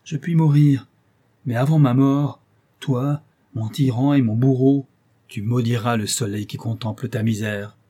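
A man's voice: mid-range voice, steady tone, unhurried, dark tone, husky. A man voicing a wretched, vengeful male creature, reproachful and menacing, in an audiobook reading.

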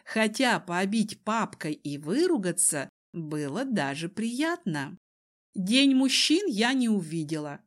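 A woman reading a first-person story aloud as an audiobook narrator, in an even storytelling manner. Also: mid-range voice, slow.

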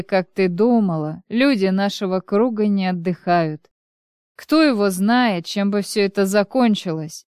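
A woman's voice: mid-range voice, darkish tone, clean tone, no echo, close to an everyday voice. Woman doing a sneery business partner guy, dry close sound. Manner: mocking, accusing. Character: sarcastic male business partner, cool.

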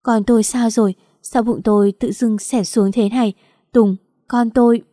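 A distraught young mother cries out and begs in a raised, loud voice, as a woman narrator puts her on. The tone is mellow and warm, recorded close and dry. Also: on the high side, steady tone, normal speed, no room sound, close to an everyday voice. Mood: pleading. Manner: sobbing, desperate pleading.

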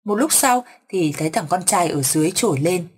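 A woman narrating a ghost story in a steady, measured way, with a husky voice. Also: on the low side.

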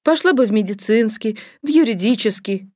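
Audiobook: a woman doing a quiet, embarrassed mother who works as a doctor; close to the reader's own voice. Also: fairly high pitch, lively intonation, normal speed, no room sound, pitched above the performer's own voice. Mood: subdued. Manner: quiet, somewhat shamefaced.

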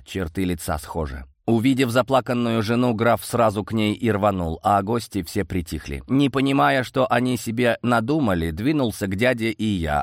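A man's voice: lowish voice, no echo, clean studio sound. A man narrating a first-person audiobook story.

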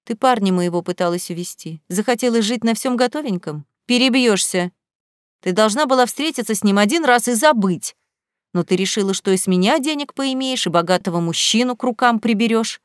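A woman's voice: fairly high pitch, lively intonation, brisk, smooth, no room sound, lightly acted. A spiteful, scheming rich girl who sneers and mocks in a snide sing-song, as a woman reader plays her. The audiobook read is dry and close to the mic. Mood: sneering. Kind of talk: audiobook character reading.

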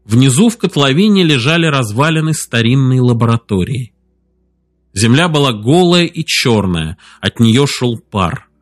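A man narrating an audiobook in a measured, steady reading voice. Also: mid-range voice, faint music behind. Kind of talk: scripted narration.

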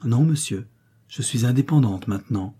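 A devoted, spirited young woman, as a male reader puts her on, gentle and reassuring. The tone stays very dark and mellow, with a husky grain. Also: medium pitch, expressive, normal speed.

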